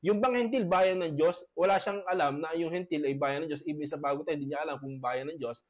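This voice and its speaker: A high-pitched man, a pastor, lays out his case in an online debate in a halting way, tagging his points with questions. He has a cough and keeps clearing his throat, heard through a video-call mic. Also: a little mellow. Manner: halting, many tag questions. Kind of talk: debate presentation.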